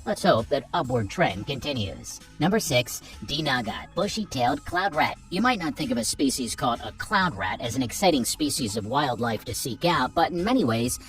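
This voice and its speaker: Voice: medium pitch, very animated, moderate pace, hardly any pauses, a bit bright, far from the mic. A narrator reading a scripted nature documentary countdown, chatty and speaking straight to viewers with playful asides. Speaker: narrator of a wildlife list video. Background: background music.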